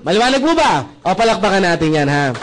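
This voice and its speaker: There's slight background noise as a fast-talking man with a high voice and big pitch swings jokingly promotes membership benefits to a live crowd. He calls his listeners brothers and sisters and keeps checking with them through rhetorical "tama ba?" questions.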